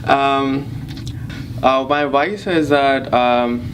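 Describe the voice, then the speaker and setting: A man in his twenties being interviewed in an elevator, speaking thoughtfully with many pauses. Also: mid-range voice, steady tone, fairly bright tone, a little hiss or hum, poor audio. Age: 20s. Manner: thoughtful, hesitant, reflective. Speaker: interviewee, doctor. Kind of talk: casual conversation.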